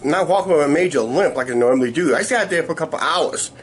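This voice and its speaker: A man in his fifties chatting casually to camera in a rambling, halting way, his voice weak and sore after illness. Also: a little high, animated. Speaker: vlogger. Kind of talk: casual video diary chat. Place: small living room, indoors. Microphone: camera at arm's length. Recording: noisy room ambience on camera mic.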